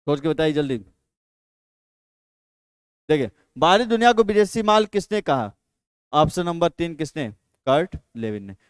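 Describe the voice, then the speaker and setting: High, crisp-voiced man quizzing students. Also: very animated, normal speed, long pauses, dry recording. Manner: quizzing, repeats questions and answers them himself. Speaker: teacher. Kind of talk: exam practice lesson.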